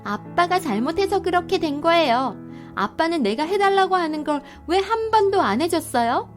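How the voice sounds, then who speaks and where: A cheeky young child who has suddenly taken charge, as a woman narrator puts the child on. The voice is pitched high and clear, cool and bossy. Soft music plays faintly behind. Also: expressive, normal speed. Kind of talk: storybook voice acting.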